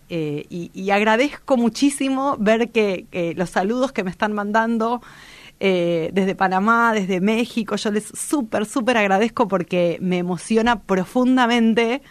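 A woman's voice: mid-range voice, dry recording. A woman radio host, giving a reflective motivational talk in a strong, powerful voice, direct and vehement with many restarts.

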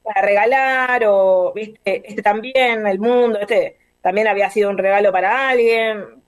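A woman's voice: mid-range voice, steady tone, a little slow, no room sound. A woman with a Rioplatense accent, guest artist on a casual video call, talking in a rambling way and searching for words. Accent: Rioplatense Spanish.

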